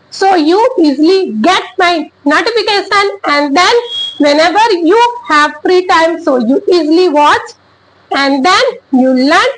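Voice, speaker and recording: In a low-quality recording, a woman whose first language is Chhattisgarhi talks casually to camera about learning English in an Indian accent. Her very high-pitched voice halts as she searches for words, keeping to simple, encouraging sentences.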